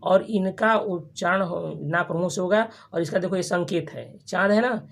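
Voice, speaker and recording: A teacher with a breathy, husky voice runs a grammar class in call-and-response style. Each term is repeated and then quizzed back at the students, with frequent restarts and check-ins. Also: medium pitch, a bit bright. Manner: repeats terms and quizzes the class with quick questions.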